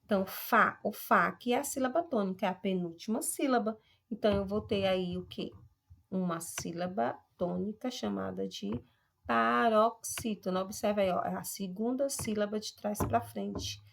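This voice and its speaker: Creaky-voiced teacher woman. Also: mid-range voice. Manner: patient, draws out example words slowly. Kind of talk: classroom lesson on syllables.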